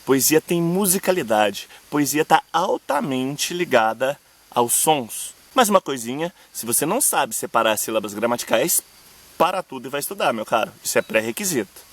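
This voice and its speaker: A young Brazilian man with a Brazilian Portuguese accent, hosting a video lesson on poetic meter, speaking to viewers directly and slowing down to recite verse examples. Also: medium pitch, big pitch swings. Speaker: poetry teacher and channel host.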